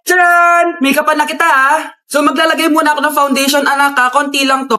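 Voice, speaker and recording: High-pitched woman acting in skits. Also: flat delivery, a little fast, pushed and bright. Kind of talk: acted family comedy skit dialogue.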